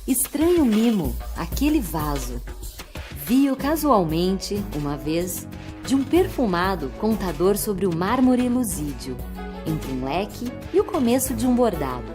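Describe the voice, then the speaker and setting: A woman slowly reciting poems with expressive delivery. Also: mid-range voice. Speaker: poetry reader. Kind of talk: recited poetry over music. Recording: music bed behind voice.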